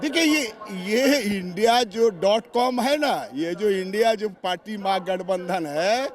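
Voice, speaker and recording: A man from Giridih in Jharkhand speaks as a party official with a notably high voice. He answers outdoors at a party convention, pressing every point with rally-style emphasis. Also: a little slow. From Giridih, Jharkhand, India. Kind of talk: political interview answers.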